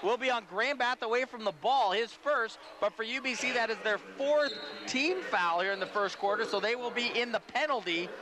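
A man calling basketball play-by-play, rapid and excitable as he follows the action. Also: very high-pitched, a crowd in the background. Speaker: play-by-play commentator.

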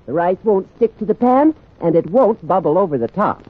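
A woman's voice: on the low side, sing-song, moderate pace, dry recording. A woman presenting scripted household tips in an old radio advertising style. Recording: tinny, dry old radio recording.

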